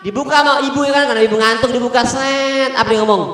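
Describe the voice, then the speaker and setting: A man's voice: very high-pitched, steady tone, fast talker, fairly bright tone. A middle-aged man with a Betawi Jakarta accent gives a humorous sermon, joking with the congregation and chanting Arabic verses. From Jakarta, Indonesia. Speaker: preacher. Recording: very echoey hall with long reverb.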